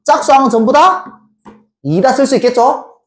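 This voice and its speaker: A woman math teacher giving a lively lecture, playfully quizzing students and chanting repeated numbers. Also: sits high. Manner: addresses students directly with quick questions.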